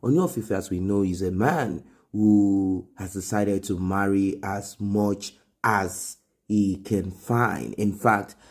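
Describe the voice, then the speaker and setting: A man with a Nigerian accent hosts an informal gossip commentary show, speaking slowly in a fairly low voice. He explains things conversationally and repeats phrases for emphasis.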